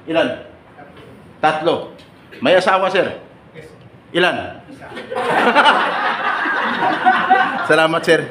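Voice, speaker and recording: A man's voice: a little high, huge pitch swings, very slow, pauses often. A man giving a joking seminar talk to overseas workers, teasing and quizzing the audience and laughing often. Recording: echoey room with loud ambient noise.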